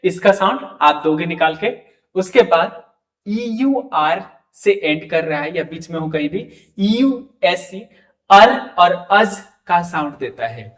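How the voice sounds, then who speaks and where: Male teacher, high voice, deliberate pace; quizzes the class as he explains; mic set back from him. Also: lively intonation, fairly bright tone, far from the mic. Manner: explains slowly, asks students questions. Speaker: French teacher. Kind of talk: classroom lesson.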